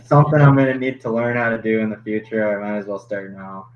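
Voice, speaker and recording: A young man, a hockey goalie guest on a podcast, chatting casually and laughing often, with halting restarts. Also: lowish voice. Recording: slightly dull podcast audio with faint noise.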